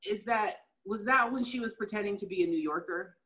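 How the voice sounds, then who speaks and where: A woman chatting casually about a TV series, animated and profane, stumbling over her words when excited. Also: mid-range voice, brisk, noisy background.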